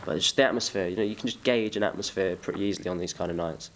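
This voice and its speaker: A man's voice: deep voice, racing, slight background noise. A young man from England chatting casually in an interview, rambling and self-deprecating. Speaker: musician, interview guest.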